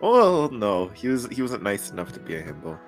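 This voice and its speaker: A man's voice: on the low side, very animated, a little fast. A man in casual banter on a group livestream, joking and teasing his friends. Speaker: tabletop player on a group livestream. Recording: background music behind voice. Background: music.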